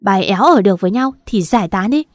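A woman reading the part of a gruff older father-in-law in an audio story, barking orders at the family. Close, dry sound. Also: medium pitch, animated, rapid-fire, dry recording, natural voice. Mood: stern. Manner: barking, commanding.

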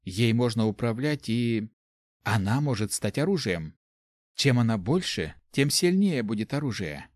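A man voicing a gentle young woman, an apprentice assassin, speaking softly and calmly in a storybook reading. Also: medium pitch, measured pace, no echo, studio quality.

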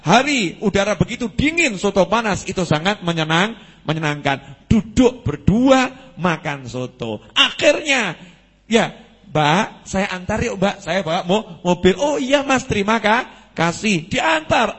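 With a high, husky voice, this man preaches an Islamic study sermon at a mosque gathering. He tells stories with energy, performs the dialogue he quotes, and asks his listeners questions.

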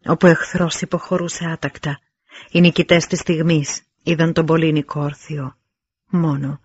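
Husky-voiced man reading an audiobook. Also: fairly high pitch, dry recording, lo-fi sound. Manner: measured, deliberate reading with dramatic pauses. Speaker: audiobook narrator. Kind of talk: scripted audiobook narration.

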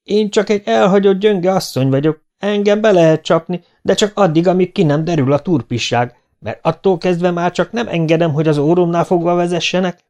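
A man voicing an indignant, sharp-tongued middle-aged mother who scolds loudly in a raised, shrill voice. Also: close to an everyday voice. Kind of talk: audiobook character voice.

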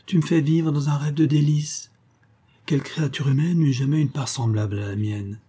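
A man voicing a tender, wistful young wife deeply in love, in a soft, gently raised and adoring voice. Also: steady tone, moderate pace, breathy edge.

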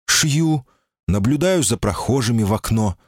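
A man's voice: medium pitch, expressive, measured pace, no room sound, clean studio sound, pitched above the performer's own voice. A man voicing a timid golem woman. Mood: anxious. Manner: anxious, pleading, often cries out. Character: timid, guarded female golem in human shape. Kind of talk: audiobook character voicing.

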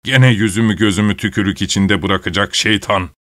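A man voicing a grumbling old grandfather in a storybook tale, speaking low and muttering. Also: fairly even intonation, a little fast, fairly bright tone, lightly acted.

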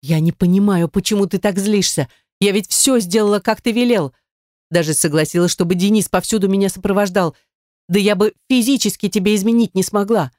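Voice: mid-range voice, a little fast, darkish tone, no room sound, studio quality, voice pushed up, close to an everyday voice. An audiobook narrator voicing a defiant, indignant young woman in dialogue, with protesting exclamations.

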